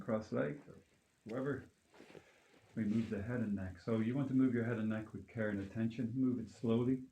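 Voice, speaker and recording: A man teaching meditation and yoga, leading a calm grounding exercise with unhurried, gently instructive guidance through mindful movement. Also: on the low side. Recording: roomy, echoing indoor sound.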